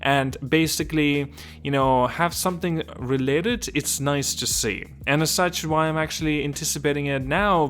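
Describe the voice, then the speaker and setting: A man from Estonia hosting a casual gaming video, rambling and restarting sentences while often asking whether he makes sense. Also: medium pitch.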